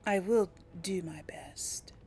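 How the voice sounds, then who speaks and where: Over game music, a woman with a fairly low, slightly mellow voice hosts a casual role-play let's play. She chats and reacts aloud as she plays, slipping into in-character dialogue.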